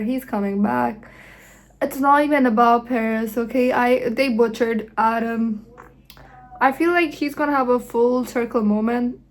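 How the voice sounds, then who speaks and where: Gushing young woman book vlogger, slow-talking. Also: fairly high pitch. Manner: gushing, rambling, excitable. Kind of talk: casual reading vlog chat.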